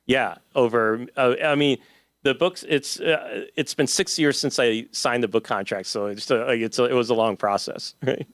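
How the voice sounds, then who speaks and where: Taking questions from the audience in an event hall, this author answers in a relaxed, rambling way, frequently restarting sentences and using fillers. He speaks at a normal pace in a mid-range voice, recorded without any room sound.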